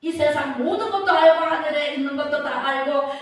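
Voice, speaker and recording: Echoey high-voiced woman pastor preaching. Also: a little fast, a little hiss or hum. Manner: preaching with dramatic quoted voices and questions to the congregation. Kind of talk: sermon. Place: church sanctuary. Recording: echoey church hall from far off.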